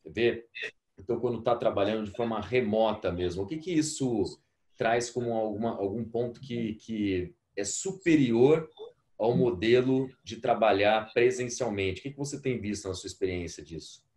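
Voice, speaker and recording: Brazilian male webinar host, somewhat low pitch, casual and talkative. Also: moderate pace, a little mellow. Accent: Brazilian Portuguese. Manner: chatty, reads out audience messages. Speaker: host of an online masterclass. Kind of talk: live webinar hosting.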